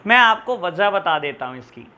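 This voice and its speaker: A man teaching an online accounts class, talking to his students in a fatherly way and repeating key terms as his voice swings between loud and soft. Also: high voice, sing-song, normal speed. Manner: fatherly, calls students beta and pyare bachhon.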